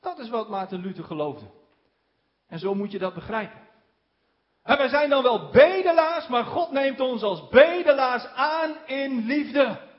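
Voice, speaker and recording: A man preaching a sermon, slowing down on key words for emphasis and chuckling now and then. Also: very high-pitched, expressive. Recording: dull lo-fi recording.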